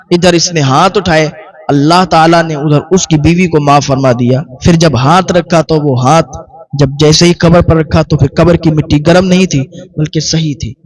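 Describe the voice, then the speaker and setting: A man giving a religious sermon in style storytelling, speaking earnestly and repeating key points for emphasis. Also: on the high side. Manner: earnest, repetitive emphasis, recounts dialogue. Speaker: preacher.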